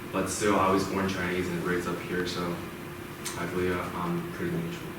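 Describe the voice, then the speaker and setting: A man's voice: deep voice, completely flat delivery, moderate pace. A young man student speaking casually and evenly in a group discussion. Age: young adult. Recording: echoey room, distant mic, background noise.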